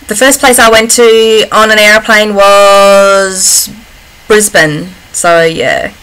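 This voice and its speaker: A woman's voice: mid-range voice, steady tone, takes it slowly, a bit bright, smooth, low-quality recording. An Australian woman chatting casually as she answers personal questions in a vlog, often breaking off and restarting in a giggly, informal way. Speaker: vlogger.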